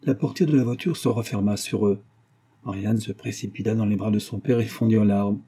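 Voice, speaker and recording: A man narrating a classic novel aloud in a measured, steady reading. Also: fairly low pitch, slightly rough. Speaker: audiobook narrator. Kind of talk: scripted narration.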